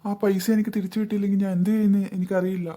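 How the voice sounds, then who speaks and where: A performer voicing a sly adult male con man in a cartoon, who fakes pleading with children, with a mellow voice. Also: mid-range voice, little pitch movement, very fast, close to an everyday voice. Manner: fake pleading, then gloating. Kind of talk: cartoon voice acting.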